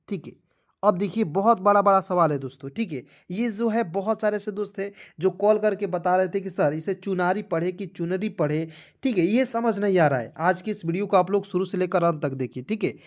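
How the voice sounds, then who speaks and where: A man teaching an online spelling lesson, going through each step patiently and repeating it often. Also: high voice.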